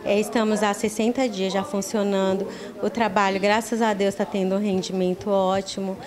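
A middle-aged woman who serves as spokesperson for municipal pharmacy staff explains things in an interview answer with a Brazilian accent, at a moderate pace and with a flat delivery in a mid-range voice. She sometimes repeats words. A handheld reporter's microphone records her indoors in a small, busy pharmacy office, where chatter fills the room behind her.

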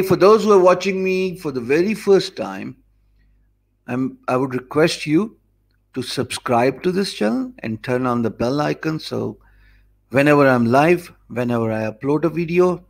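An online course instructor from Pakistan, whose first language is Urdu, talks to live-stream viewers in Pakistani English from his office, a desk mic placed in front of him. His gravelly, medium-pitched voice is expressive, and he speaks slowly and easily, loosely thinking aloud.

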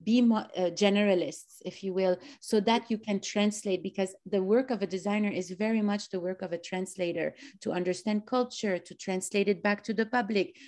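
Hosting a relaxed video-call interview from a small room, this thirty-something woman sounds eager and enthusiastic and fills her speech with fillers. She has a medium pitch and darkish tone, speaking at a normal speed with few pauses.

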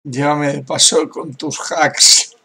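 Gravelly-voiced man laughing through gameplay. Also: fairly high pitch, little pitch movement, slow pace, pushed and bright. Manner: laughs often, reads out chat with "dice". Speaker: gaming youtuber. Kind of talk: casual gameplay commentary.

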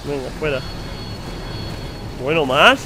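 A man's voice: on the high side, animated, slow pace, very noisy. A young man with a Spain Spanish accent commenting on his gameplay, swearing in frustrated outbursts and muttering to himself. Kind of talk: let's play commentary.

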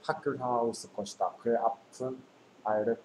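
A man's voice: mid-range voice, steady tone, a little fast, darkish tone, slight background noise, rough recording. A male student in a tutoring session, hesitantly translating English sentences aloud. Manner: hesitant, working through translations.

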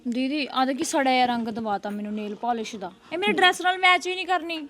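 A woman's voice: high-pitched, quick pace, fairly bright tone, faint music behind. A woman playing a petulant young sister-in-law who fusses over dresses in a family drama. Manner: petulant, whiny.

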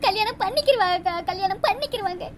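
A woman's voice: very high-pitched, quick pace, noisy background. A woman voicing a lovesick younger sister in a cartoon, sobbing and pleading. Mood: tearful pleading. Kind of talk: cartoon voice acting.

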